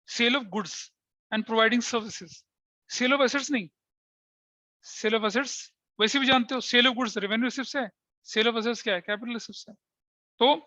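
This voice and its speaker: A man's voice: extremely high pitch, sharp tone, no echo, lo-fi sound. A male accounting teacher giving a classroom lecture, explaining terms by asking questions and answering them himself, slipping into English phrases.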